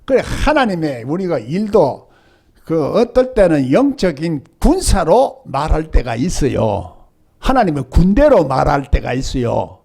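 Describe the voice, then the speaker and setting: A man's voice: on the high side, vocal fry, darkish tone, slightly rough. An older male pastor with a Gyeongsang Korean accent, preaching a sermon and often asking the congregation rhetorical questions.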